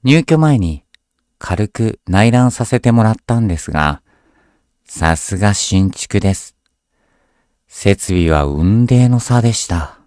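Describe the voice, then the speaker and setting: A man reading a scripted horror story aloud as a narrator, in a measured, deliberate storytelling delivery. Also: on the low side, animated, a little mellow, smooth, no echo, studio quality.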